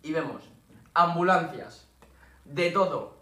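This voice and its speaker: A man from tells a story to friends on a casual podcast. He is animated and full of slang. His voice is bright and a bit high, picked up from far off in an echoey room with a faint hiss. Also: slow. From Spain. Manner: animated anecdote-telling, laughing, full of slang.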